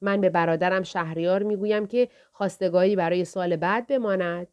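A woman voicing an aging male king who speaks in a measured, formal and calculating way. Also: on the low side, steady tone, dull audio, lightly acted. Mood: composed. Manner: measured, formal royal speech.

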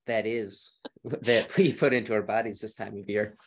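A man's voice: on the low side, fairly even intonation, moderate pace. A man with a Minnesota accent, a podcast guest in casual chat, friendly and joking as he laughs along.

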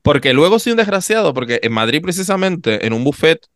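A man co-hosting a podcast in casual chat, expressive and full of little tag questions. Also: a little high, fairly quick, dry recording, clean studio sound. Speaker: podcast co-host.

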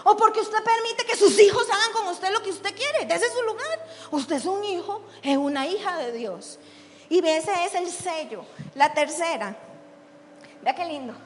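A woman's voice: very high-pitched, expressive, unhurried, in a large hall, a little hiss or hum. A woman preaching a sermon as the church's lay leader, blunt and teasing, firing questions at the congregation. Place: church hall.

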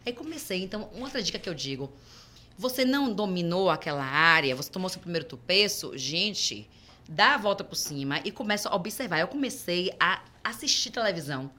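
A middle-aged woman with a Brazilian Portuguese accent, a podcast guest who tells stories in a lively way and acts out the dialogue. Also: on the low side, brisk. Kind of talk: conversational storytelling.

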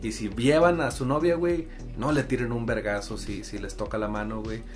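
A man's voice: mid-range voice, steady tone, fairly quick, over music. A young man with a Mexican accent in casual chat, slangy, laughing often and saying "güey" constantly.

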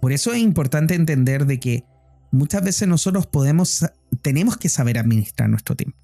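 A man with a Chilean accent sharing personal reflections in a podcast chat, speaking thoughtfully with frequent pauses. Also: a little high, lively intonation, gravelly, dark tone, faint music behind. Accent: Chilean Spanish. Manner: thoughtful, personal, many "eh" fillers. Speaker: co-host.

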